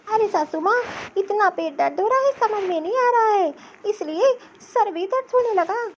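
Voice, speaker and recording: A woman's voice: very high voice, lively intonation, normal speed, highs cut off, slight background noise. A woman voicing a lazy young daughter-in-law who whines about a faked stomach ache in a cartoon. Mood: whining. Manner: whiny, complaining. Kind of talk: cartoon voice acting.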